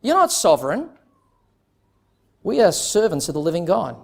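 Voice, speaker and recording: A man's voice: high voice, huge pitch swings, normal speed, gravelly. A man preaching an expository sermon as a pastor, earnest and emphatic, putting direct questions to his listeners.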